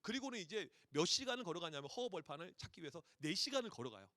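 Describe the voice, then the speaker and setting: A male pastor preaches with a high, very animated voice that swoops through a wide range. He talks fast in a vivid storytelling manner, slipping into the voices of the people in his stories. The sound is close and dry. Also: no echo. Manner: lively storytelling, acting out voices of parents and children. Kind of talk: sermon at a youth retreat.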